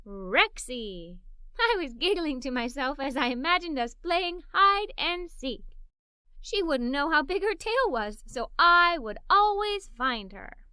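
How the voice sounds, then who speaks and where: With a high-pitched voice and no room sound, a woman reads a children's story aloud as a storybook reader. She speaks in the first person as a curious, imaginative young girl, expressive and animated, giggling along the way.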